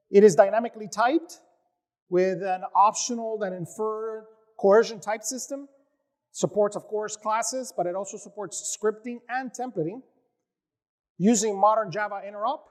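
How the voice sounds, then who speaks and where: A man with a notably high speaking voice gives a tech conference talk. He is upbeat and animated, and his speech is loose with "uh" fillers. He sounds like a company founder presenting to developers. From United States. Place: conference session room.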